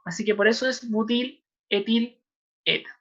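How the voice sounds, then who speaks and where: A woman with a Chilean accent teaching a chemistry class online, patient and repeating terms slowly for her students. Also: a little high, a bit bright. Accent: Chilean Spanish. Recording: slightly dull lo-fi online class audio.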